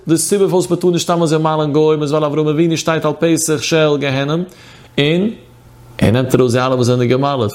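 A man's voice: medium pitch, a little mellow. A man teaching a religious text study lecture, reciting scripture passages in a singsong study cadence. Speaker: Torah teacher.

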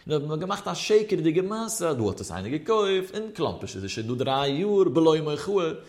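A man's voice: a little high, sing-song, normal speed, a little mellow. Man with a lilting, sing-song study voice. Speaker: Talmud teacher. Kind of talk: traditional Talmud study lecture.

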